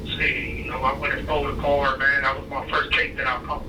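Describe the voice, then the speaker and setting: Over a distant prison phone call with echo and clear noise, an Ohio man gives a casual interview in a medium-pitched, flat voice, speaking fairly quickly. His talk is relaxed and slangy, packed with filler words.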